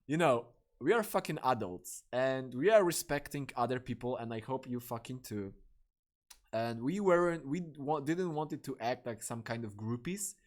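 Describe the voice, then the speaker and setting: Excitable young man telling a rambling story. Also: fairly high pitch. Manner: rambling, profane, excitable, many fillers and restarts. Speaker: podcast host. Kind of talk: casual storytelling.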